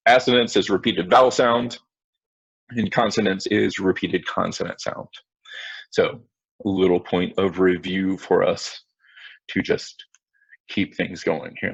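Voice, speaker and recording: Male teacher, low and gravelly, casual and self-mocking in an online lesson; dry, muffled video-call audio. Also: dry recording. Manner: casual, self-mocking, talks to students directly. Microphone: computer mic on video call.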